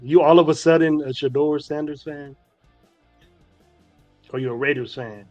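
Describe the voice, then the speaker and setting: A man with a fairly high voice co-hosts a casual sports podcast. He teases the others, repeats his lines and keeps saying "bro". His audio sounds dull and lo-fi, with faint music behind him. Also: fairly even intonation, normal speed, darkish tone, no room sound. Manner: teasing, repeats himself, says "bro". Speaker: podcast co-host.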